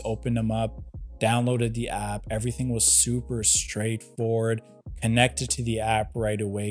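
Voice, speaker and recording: A man giving a casual product review, explaining things step by step with examples. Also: medium pitch. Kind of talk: casual review narration to viewers. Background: background music.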